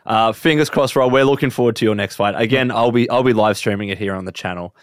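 A man's voice: mid-range voice, fast talker, no echo, studio quality. A man hosting a casual podcast, upbeat and leading the talk with questions. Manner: upbeat, asks guest questions. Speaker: podcast host.

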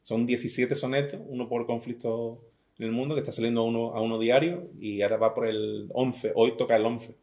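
A middle-aged poet with an Andalusian Spanish accent gives an interview, joking at his own expense and reading his sonnets aloud. His medium-pitched, slightly mellow voice stays steady and moves a little fast. He often restarts words.

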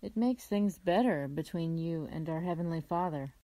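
A woman voicing a caring mother in a children's story, speaking calmly in a low, gently firm tone. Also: moderate pace, no room sound, natural voice.

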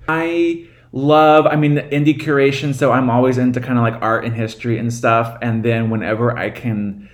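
A man's voice: mid-range voice, fairly even intonation, moderate pace. A man chatting casually as a podcast guest, rambling and enthusiastic. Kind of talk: casual chat.

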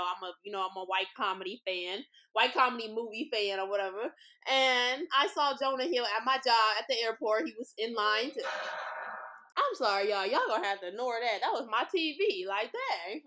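A young woman from Los Angeles hosting a casual storytelling podcast, chatty and excitable, swearing freely. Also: fairly high pitch. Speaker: podcast host.

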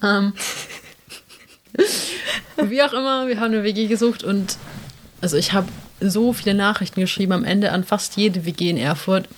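This young adult woman from South Tyrol, Italy co-hosts a podcast in a South Tyrolean German accent, chatting casually and rambling with lots of fillers. Her voice is medium in pitch at a moderate pace, pausing often, with a little background noise.

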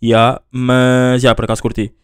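A man's voice: mid-range voice, completely flat delivery, a little slow, clear, resonant tone, no echo, clean studio sound. A young man with a European Portuguese accent hosting a casual solo podcast, rambling along with lots of filler words and restarts. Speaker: podcast host.

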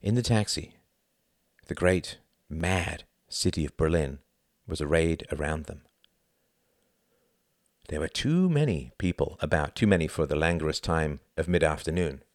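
Male audiobook narrator, very low, lively delivery, dry close sound. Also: a little slow, long pauses, no echo. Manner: expressive storytelling reading. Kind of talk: scripted narration.

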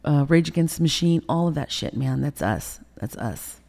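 Brief: middle-aged woman, mellow gravelly tone, candid interview guest, emotional, swears, acts out quotes. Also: sits low, expressive, normal speed. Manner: emotional, profane, re-enacts quotes with sudden loud bursts.

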